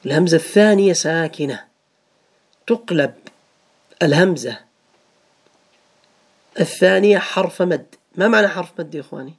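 A man's voice: sits high, normal speed, long pauses, breathy edge. A man teaching a grammar lesson to students, patiently repeating each rule and asking them questions.

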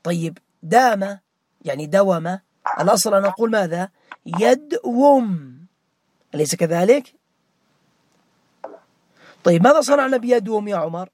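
A man's voice: high-pitched, expressive, fairly quick, long pauses, darkish tone, no echo. A man teaching morphology, questioning students by name and repeating key words as a drill. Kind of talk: interactive grammar lesson.

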